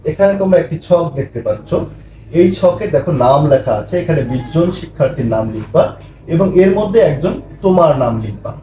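A man teaching a math lesson for young children, patient and repetitive, counting slowly with fillers. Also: a little high, animated, mellow. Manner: patient, repeats words, slow counting with fillers. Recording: echoey room with faint noise.

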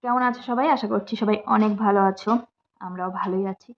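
A woman's voice: medium pitch, steady tone, fast talker, lo-fi sound, slight background noise. A woman chatting casually to viewers as she cooks at home, rambling and friendly. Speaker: vlogger, housewife. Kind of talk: casual cooking vlog narration. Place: home kitchen and yard.

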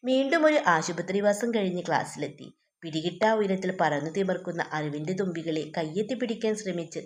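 Woman, teacher, lowish voice, reads a story aloud, explains it to students. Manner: addresses students directly with questions.

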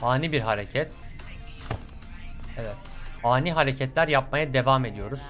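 A young man commentating his own horror game playthrough, swearing often, bursting into yells and slipping into English curses. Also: mid-range voice, moderate pace, faint music behind. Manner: excitable, swears a lot, sudden yelling outbursts. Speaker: gaming channel host. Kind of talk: let's play commentary.

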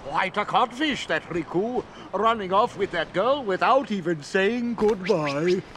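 An actor playing a pompous, theatrical pirate captain villain in a game cutscene, blustering and then panicky. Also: male voice, high voice, expressive, a little slow, a bit bright, a little hiss or hum. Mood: menacing.

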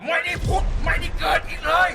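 An actor playing a vengeful male cult leader who shouts menacing threats, heard in game audio. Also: extremely high pitch, level tone, quick pace, gravelly, very noisy. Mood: furious threats. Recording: game audio with loud music.

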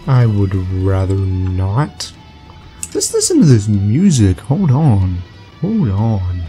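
A man hosting his gaming channel, giving chatty, excitable let's-play commentary and talking back to the game. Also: lowish voice, takes it slowly, soft background music.

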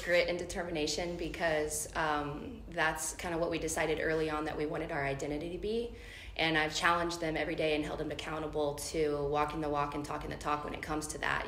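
A woman's voice: low-pitched, a bit bright. A middle-aged woman, a head coach, speaking earnestly at a postgame press conference with frequent ums. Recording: echoey room, faint noise.

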